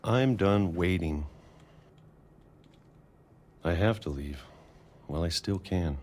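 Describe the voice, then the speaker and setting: A man's voice: deep voice, slow pace, darkish tone. A weary recluse leaving his hiding place. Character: reclusive middle-aged man hiding underground for decades. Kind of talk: game voice acting.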